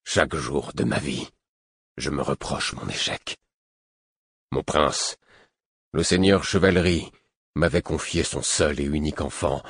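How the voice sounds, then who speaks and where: A man reading the part of a stern, proud older man with a hoarse, guttural voice, speaking gravely and with restraint. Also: rumbling low, a bit bright, no room sound, studio quality, exaggerated voice.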